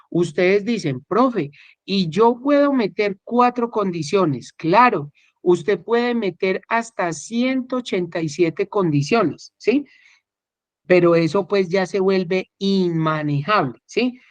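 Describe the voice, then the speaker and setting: A man's voice: high voice, slow pace, no echo. A man teaching a class, explaining step by step and often checking that listeners follow. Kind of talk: recorded online spreadsheet class. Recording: dull, dry, lo-fi recording.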